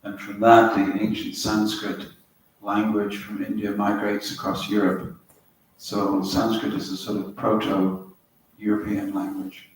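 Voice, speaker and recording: A man's voice: on the low side, completely flat delivery, a little slow, hardly any pauses. Man teaching in a roomy hall. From Wales. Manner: storytelling, anecdotal, explains words step by step. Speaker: spiritual teacher. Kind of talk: spiritual talk to a small group. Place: yoga center hall. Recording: roomy hall, mic at a distance, faint hiss.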